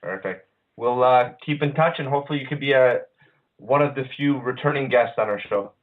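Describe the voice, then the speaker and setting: A man hosting an online radio show, talking casually with lots of hesitations and restarts. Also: mid-range voice. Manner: halting, many uhs and restarts. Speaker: podcast host. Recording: phone-line quality audio.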